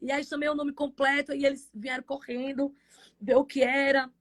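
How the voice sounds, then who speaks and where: Fervent high-voiced Brazilian woman pastor. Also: flat delivery, moderate pace. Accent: Brazilian Portuguese. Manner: fervent, swinging between loud cries and soft passages. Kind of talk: emotional faith testimony on a live stream. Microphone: phone or video call on a live stream.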